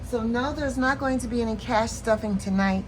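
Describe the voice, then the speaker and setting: A woman casually walking through her savings challenges in a planner vlog, relaxed and chatty with many fillers, tired and yawning late at night. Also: a little high, brisk, noisy background. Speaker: planner and budgeting vlogger. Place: at home at night.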